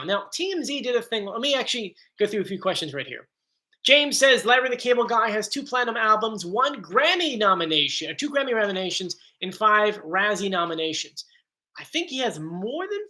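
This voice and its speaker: A man hosting a casual live stream, chatty and excitable, reading chat comments aloud. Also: high voice. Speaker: host.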